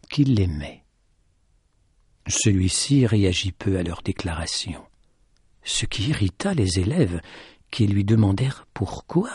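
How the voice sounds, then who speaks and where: A man narrating a storybook aloud in a slow, expressive, soft reading voice. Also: lowish voice, husky, no room sound, studio quality.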